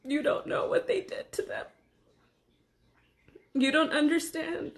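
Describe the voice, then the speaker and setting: A young woman from Los Angeles, speaking earnestly in a personal monologue to camera, pausing between phrases. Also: sits high, animated. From Los Angeles, USA. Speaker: vlogger.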